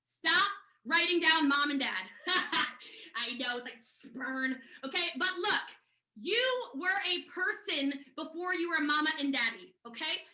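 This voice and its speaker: A high-voiced American woman leads a live online network marketing training from home. She talks fast, chatty and direct, and her bright voice carries a noticeable room echo. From United States.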